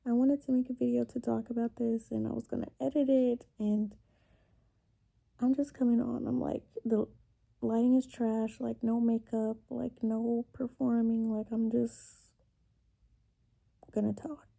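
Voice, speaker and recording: A woman in her twenties speaks in a dark, soft-edged voice with a gravelly fry, fairly high but flat in melody. She is tearful and upset, confiding to camera in a halting, confessional way, pausing often and letting phrases trail away. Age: 20s. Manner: halting, emotional, with long pauses and trailing off. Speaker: vlogger. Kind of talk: confessional personal vent to camera.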